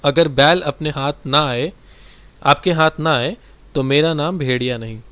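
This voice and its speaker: A man leads a primary-school lesson, taking the children through textbook exercises and explaining each one slowly and plainly. His voice is a little high with a sharp edge, and the recording is dry.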